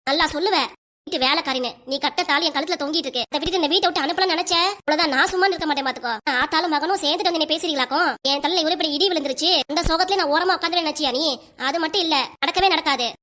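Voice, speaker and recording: Brief: a woman doing a bright, high cartoon housewife, Kanyakumari Tamil accent, sharp and scolding. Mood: angry, defiant. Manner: sharp, scolding, rapid-fire. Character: quarrelsome grown wife and mother, woman. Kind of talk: cartoon family drama voicing.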